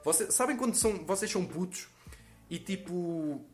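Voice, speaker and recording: A man's voice: sits high, expressive, normal speed, faint music behind. A 21-year-old man with a Lisbon-area European Portuguese accent, telling a comic anecdote in slangy, profanity-heavy speech. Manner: slangy, swears a lot, acts out quotes. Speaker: comedian telling a story.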